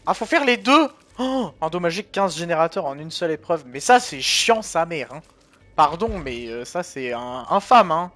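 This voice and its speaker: A man streaming a video game, commenting live as he plays, talking to himself in an animated way and tagging his lines with "hein". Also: on the high side, moderate pace. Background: game music.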